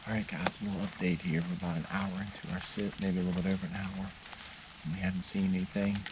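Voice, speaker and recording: A low-key, plain-spoken man hosting a hunting vlog, casually updating viewers from outdoors. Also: flat delivery, fast, background noise. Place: outdoors in the field while hunting.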